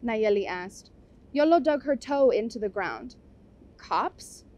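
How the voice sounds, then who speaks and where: A woman reads a novel aloud in a measured, storytelling manner. Her voice is fairly high. She speaks slowly and deliberately. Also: lively intonation, warm tone.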